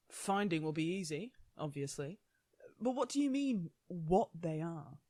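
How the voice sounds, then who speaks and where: A woman's voice: on the low side, expressive, unhurried, mellow, dry recording. A woman playing War, a gleefully menacing, smug immortal gang boss with a taunting, sweary manner, in a radio play. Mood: amused, dismissive.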